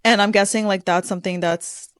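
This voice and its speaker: A woman's voice: medium pitch, steady tone, a little fast, no echo. A woman in her late twenties hosting a podcast, encouraging and asking follow-up questions. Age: 20s. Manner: encouraging, frequent backchannels. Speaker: podcast host. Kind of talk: casual interview chat.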